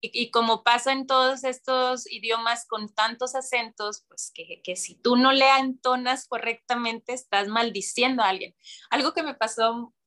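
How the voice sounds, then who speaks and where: A woman's voice: on the high side, normal speed. A woman, casually telling a story as a guest and acting out voices. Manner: animated, acts out voices, laughs often.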